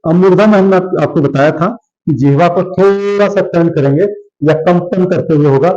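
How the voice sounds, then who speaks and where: Through a muffled recording, a man's high-pitched, dark-toned voice leads a classroom lesson. He goes slowly, repeating letter sounds one at a time and posing questions he then answers himself.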